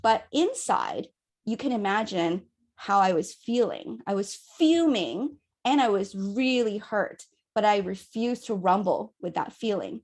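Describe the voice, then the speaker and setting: A young adult woman leading a communication workshop, talking in an animated, chatty way and acting out quotes. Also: mid-range voice, unhurried. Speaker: workshop facilitator.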